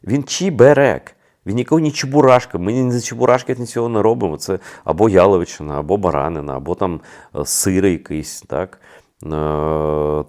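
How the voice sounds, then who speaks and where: A man's voice: deep voice, darkish tone. A man hosting his own video channel, talking straight to his viewers in an emphatic commentary full of rhetorical questions and frequent hesitations.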